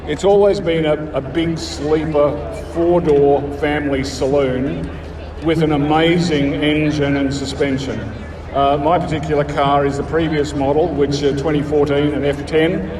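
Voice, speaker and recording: A car club member from rural Australia is interviewed casually outdoors at a motor show, his voice fairly high, halting but keen. The sound comes through an echoey, distant outdoor PA with crowd chatter all around.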